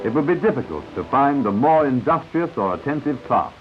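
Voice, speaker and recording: A man's voice: mid-range voice, very animated, a little fast. Man narrating an old newsreel. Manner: confident announcer delivery with asides to the viewer. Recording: dull lo-fi 1950s newsreel soundtrack. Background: newsreel music.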